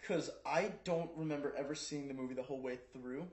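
A man's voice: medium pitch, fairly quick, darkish tone. A young man co-hosting a podcast, chatting casually and saying "dude" and "like" a lot. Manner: laid-back, says "dude" and "like" a lot. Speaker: podcast co-host. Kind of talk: casual chat. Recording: echoey room.

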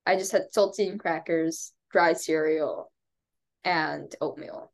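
Her voice is deep, creaky and steady, and she speaks slowly, sounding congested. A young woman co-hosting a podcast, she chats casually and rambles, laughing often amid many fillers and restarts.

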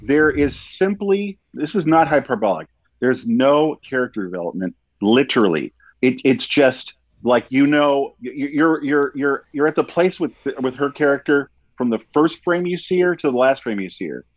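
An emphatic man co-hosting a podcast with a mid-pitched voice. He stammers through restarts and fillers as he makes his point. His mic sounds dull and lo-fi, with a dry, close sound. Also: lively intonation, moderate pace, no room sound. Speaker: podcast co-host. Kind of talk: casual film review chat.

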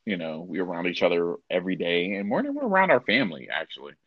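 A laid-back young man co-hosts a casual podcast chat, slangy and swearing now and then. His voice is very low. The audio is dull and lo-fi, with a dry, close sound. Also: very animated, quick pace, no room sound. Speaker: podcast co-host.

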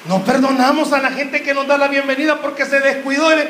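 A young man preaching, his voice pitched high and cutting, as he teases the congregation and keeps firing questions at them. The sound rings around a roomy church hall. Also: level tone, fairly quick, fairly bright tone, slight background noise. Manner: joking, quizzes the crowd with questions. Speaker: youth preacher. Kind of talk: sermon.

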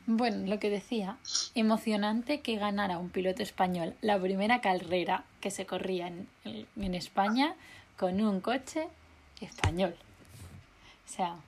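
A young woman, co-hosting a podcast in casual, excitable chat and laughing often. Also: mid-range voice, measured pace. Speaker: podcast co-host.

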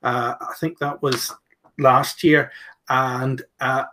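A man's voice: medium pitch, level tone, takes it slowly, pushed and bright. A man co-hosting a tasting, chatting casually and introducing products. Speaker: co-host of whiskey tasting.

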